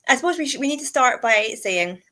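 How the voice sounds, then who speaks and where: A woman's voice: sits high, lively intonation, fairly quick, bright, forceful tone. A woman with a Scottish accent, hosting a casual live chat in a chatty, enthusiastic way. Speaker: host.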